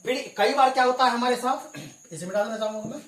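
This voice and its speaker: A man's voice: very high-pitched, a bit bright. A man teaching English in Hindi, spelling words out letter by letter and explaining patiently. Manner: clears his throat now and then. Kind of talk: spoken classroom lesson. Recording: echoey room with crickets behind.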